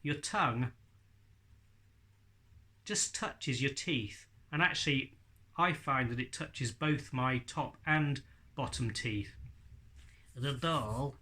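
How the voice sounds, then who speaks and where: Man, middle-aged, bright forward voice, informal instructor, chatty and jokey. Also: mid-range voice, takes it slowly, long pauses. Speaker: ventriloquism teacher. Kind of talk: informal instructional video talk.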